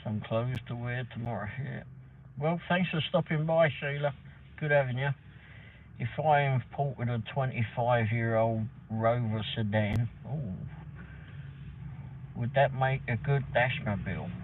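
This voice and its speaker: Speaking a little slowly in a mid-range voice, this English delivery driver in middle age runs a loose, chatty livestream sprinkled with light swearing. The sound is thin and phone-like, carrying a faint hiss.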